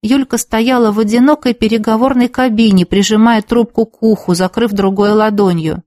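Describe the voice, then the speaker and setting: A woman reading a novel aloud as narrator, with a steady storytelling delivery. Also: fairly high pitch, normal speed, no echo, clean studio sound. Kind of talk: scripted audiobook narration.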